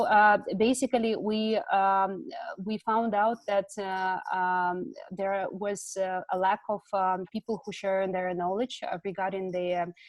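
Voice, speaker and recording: A woman's voice: mid-range voice, no room sound. Woman on a video call from home, lots of um and uh, dry close sound. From Ukraine. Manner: hesitant, many fillers and restarts. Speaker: community organizer, guest speaker. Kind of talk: casual online talk.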